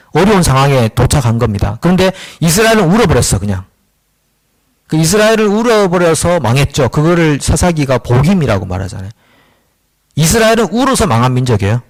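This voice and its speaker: A male pastor delivers a Wednesday sermon with a lively, swooping voice that sits a little high for a man. He is conversational and animated, acting out the voices of the figures he talks about and chuckling at himself now and then. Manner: animated, acts out dialogue with God and Moses.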